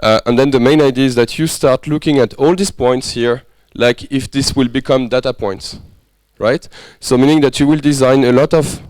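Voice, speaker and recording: Teaching an interactive business workshop in a workshop room, this lecturer has a French accent and a medium-pitched, darkish voice. He keeps a moderate pace with few pauses and fairly even intonation, chatting in a warm, casual manner and often making sure everyone understands. There's no room sound in the recording.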